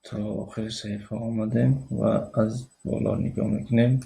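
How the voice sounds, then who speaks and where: Gravelly Tajik-accented male language teacher. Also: fairly low pitch, level tone, dark tone. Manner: explains slowly with many pauses and fillers, spells out letters. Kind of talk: recorded video lesson.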